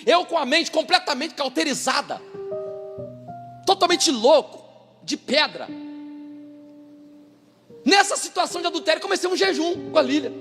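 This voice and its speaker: High, animated man preaching. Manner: animated, dramatic storytelling with voiced quotes. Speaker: pastor. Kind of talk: testimony sermon. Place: church hall. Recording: church hall with long reverb and music behind.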